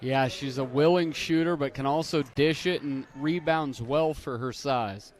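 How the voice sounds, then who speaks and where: A man's voice: medium pitch, measured pace. A man giving color commentary on a basketball game, explaining strategy in an analytical, coaching way. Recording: broadcast with loud gym noise behind.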